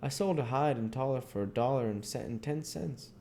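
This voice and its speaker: Man voicing Jim, earnest folksy man, pitched up. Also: a little fast, vocal fry, mellow, close to an everyday voice. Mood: matter-of-fact. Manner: folksy, emphatic, dialect-heavy speech. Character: Jim, superstitious runaway man in old American South, earnest. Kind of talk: storybook character reading. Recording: audible background noise.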